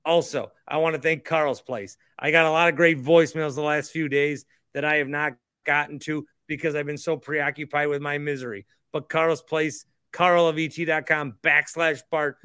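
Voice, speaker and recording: A drunk man hosts a fan livestream in a bright, forceful voice, pitched a little high. He rambles and swears with exasperation, and the sound is close and dry. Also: little pitch movement, moderate pace, few pauses, clean tone, dry recording. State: drunk, tipsy. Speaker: host of a sports fan livestream. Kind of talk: rambling livestream rant about basketball.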